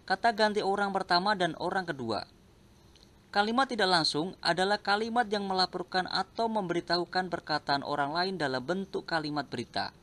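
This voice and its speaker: Brief: male teacher reading lesson notes aloud, slightly high voice, steady list-like delivery. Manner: slow, even, list-like reading.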